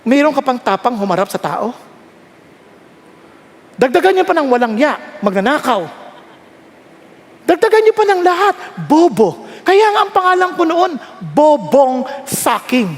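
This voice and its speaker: A high, lively Filipino man preaches in a spirited, self-mocking way, his voice leaping up and down as he teases the crowd. The sound carries a long church-hall reverb. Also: measured pace, long pauses. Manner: animated, joking, self-mocking. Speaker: pastor. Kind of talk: sermon mixing Tagalog and English.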